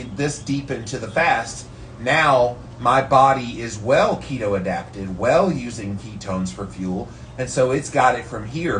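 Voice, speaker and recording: A man's voice: medium pitch, fairly bright tone. A man sitting in ice cold water, explaining things casually to his followers like a health vlogger. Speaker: vlogger sharing health tips. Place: in an ice bath, ambient noise behind. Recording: distant mic, background noise.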